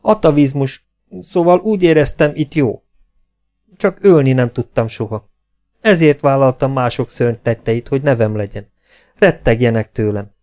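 Reformed bandit, read by a male narrator, earnest, rueful, warm tone. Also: mid-range voice, lively intonation, faint music behind, natural voice. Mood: confessional.

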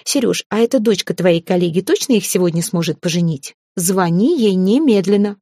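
A woman reading an audiobook, voicing an excited, bossy middle-aged mother who speaks in loud exclamations. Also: mid-range voice, brisk, no room sound, clean studio sound, close to an everyday voice. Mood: eager.

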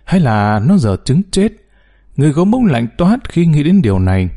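A man reading a story aloud as narrator, telling it in an expressive way. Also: fairly high pitch, normal speed. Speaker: audiobook narrator.

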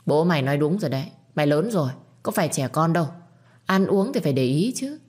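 A woman's voice: sits low, animated, fast, darkish tone. Bossy old lady of the house, stern, barks orders, woman voicing her. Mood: lecturing. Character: older mistress of a household, stern and commanding.

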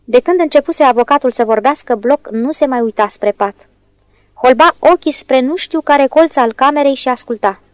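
High-voiced woman narrating an audiobook. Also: no echo. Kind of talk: scripted narration.

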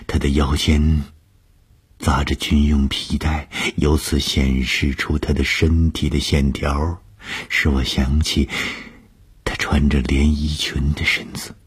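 A man narrating a first-person audiobook story, slow and often breathy, sometimes half-whispered. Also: rumbling low.

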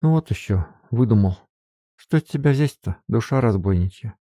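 A man's voice: expressive, moderate pace, mellow, no echo, clean studio sound. A man reading an audiobook, voicing a tender but scolding young woman by raising his voice. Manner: voice raised to a higher register for the woman.

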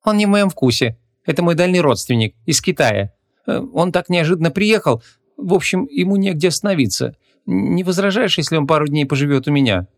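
A man voicing a brisk young policewoman in an audiobook, hesitant when covering up. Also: a little high, lively intonation, no echo, studio quality, voice pushed up. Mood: evasive.

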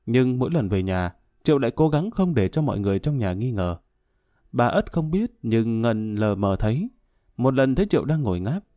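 A man narrating a social drama story aloud in an even storytelling manner. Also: medium pitch, moderate pace, no echo, clean studio sound. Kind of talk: scripted audiobook narration.

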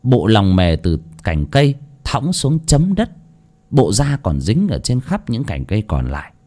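A man narrating a horror audio story in an expressive, storytelling manner. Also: lowish voice, unhurried.

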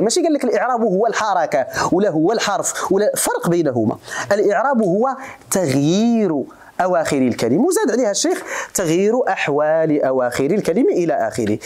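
A Moroccan man lectures a class at a quick clip. He quizzes his students and drills each point again, and his pitch rises and falls a great deal. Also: a little mellow. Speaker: religious scholar teaching grammar.

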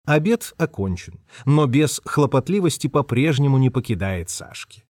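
Expressive male storybook narrator. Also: medium pitch, normal speed, dry recording, clean studio sound. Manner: expressive, dramatic reading.

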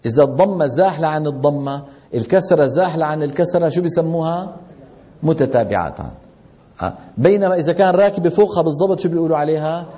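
A man's voice: fairly high pitch, fast, warm tone. A middle-aged man teaching a tajweed lesson, often putting questions to his students and answering them himself. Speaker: Quran recitation teacher.

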